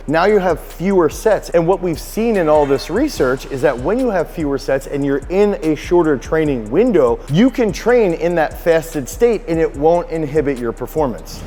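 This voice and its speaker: A male strength coach in his thirties talks through pre-workout nutrition in an energetic coaching manner. His voice sits a little high for a man. The sound carries a long reverb tail with faint music underneath. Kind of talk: sponsored fitness explainer.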